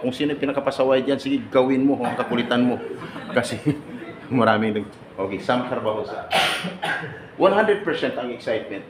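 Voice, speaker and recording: Guy joking around at a seminar, laughs a lot, echoey room, loud crowd noise behind. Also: mid-range voice. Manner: teasing, laughing often, quizzing the crowd. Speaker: seminar speaker for overseas workers. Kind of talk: joking seminar talk to a live audience.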